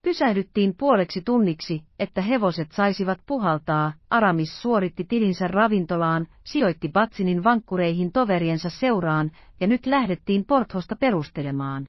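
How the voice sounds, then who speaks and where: A woman narrates a classic adventure novel in an even, measured audiobook reading. Her voice sits mid-pitched. The recording is dull and dry. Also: no room sound. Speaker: audiobook reader.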